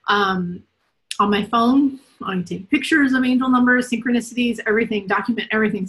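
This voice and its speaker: A woman's voice: medium pitch, a bit bright, low-quality recording. A woman hosting a live spiritual Q&A reading over a video call. She talks casually and giggles easily, checking in with "right?" and "okay?" all the time. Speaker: spiritual reader and host.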